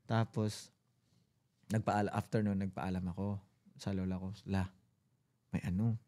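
Deep-voiced young man telling his story. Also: unhurried. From Philippines. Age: young adult. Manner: relaxed, rambling with many fillers and quoted dialogue. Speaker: guest. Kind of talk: casual storytelling interview.

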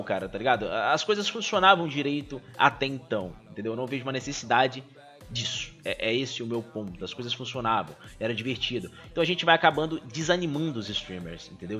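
A man's voice: medium pitch, a bit bright. Earnest young Brazilian man ranting. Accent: Brazilian Portuguese. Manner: earnest, fills speech with "cara" and "né", restarts often. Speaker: streamer and video commentator. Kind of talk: casual opinion commentary.

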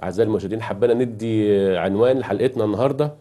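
Fast-talking Egyptian man hosting. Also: on the low side, mellow. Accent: Egyptian Arabic. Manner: courteous and formal, welcoming guests. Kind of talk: studio talk show hosting.

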